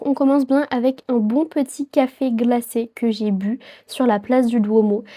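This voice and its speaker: A young woman in her late teens, head cold and all, vlogs her travels to camera in a mellow, slightly high voice. She's chatty and drifts a little, with frequent fillers and restarts.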